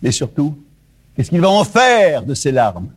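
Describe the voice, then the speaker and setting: A man preaching a sermon to his congregation, swinging between loud rising lines and hushed low questions. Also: sing-song, measured pace, slightly rough.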